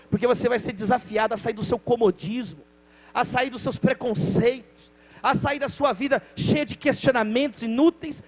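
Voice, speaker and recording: A male pastor with a Brazilian Portuguese accent preaching a sermon with passion, acting out the people in his stories. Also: very high-pitched.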